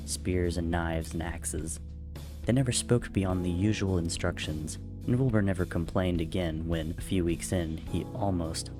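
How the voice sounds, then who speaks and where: A man with a deep, low voice reads a story aloud as a dramatic narrator. Faint music plays behind him. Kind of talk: dramatic reading of narrative fiction.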